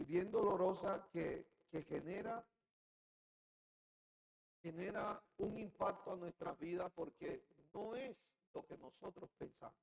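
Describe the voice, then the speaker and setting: Gravelly, impassioned Colombian preacher. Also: male voice, high-pitched, rough recording. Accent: Colombian Caribbean Spanish. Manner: swings from quiet musing to loud shouted outbursts. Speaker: pastor. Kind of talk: sermon.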